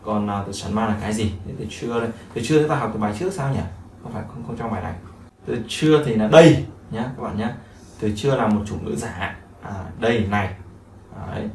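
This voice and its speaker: A man's voice: lowish voice, lively intonation, fast talker, darkish tone. A man, teaching a language lesson and explaining each phrase over and over with many fillers. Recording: echoey room, mic at a distance, faint noise.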